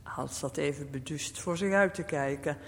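A narrator reading a story aloud in a calm, steady manner. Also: medium pitch, moderate pace. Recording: long reverb.

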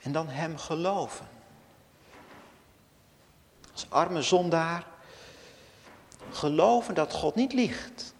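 Man, pastor, solemn sermon, high and lively pitch, long hall echo. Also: slow pace, long pauses. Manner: solemn preaching with swelling emphasis and dropped whispers. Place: church hall. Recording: long church reverb.

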